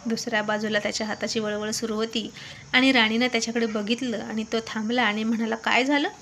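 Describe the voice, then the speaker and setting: Female storyteller, high-set voice, scripted narration, faint hiss. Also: fast. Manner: even, descriptive storytelling.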